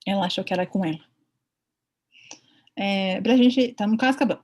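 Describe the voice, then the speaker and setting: A woman's voice: mid-range voice, moderate pace, a little mellow. A woman with a Brazilian Portuguese accent giving a chatty online veterinary ultrasound lecture, often acting out her own thoughts.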